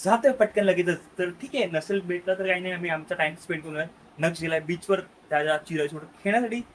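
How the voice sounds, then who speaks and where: A young man in a casual family vlog, teasing his child playfully and dropping to quiet asides for the camera. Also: high voice, fast talker, slight background noise. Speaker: vlogger.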